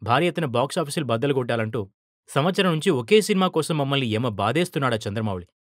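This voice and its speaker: A man's voice: medium pitch, lively intonation, fast talker, no echo, studio quality, close to an everyday voice. A man voicing a tired, irritated middle-aged male film star who complains about his busy life. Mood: weary.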